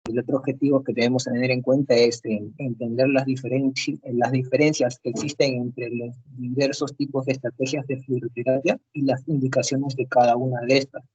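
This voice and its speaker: Brief: male student presenter, husky voice, halting delivery full of fillers, dull dry call audio. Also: mid-range voice, little pitch movement, a little mellow, no echo. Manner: hesitant, many filler sounds and restarts. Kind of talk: class presentation over video call.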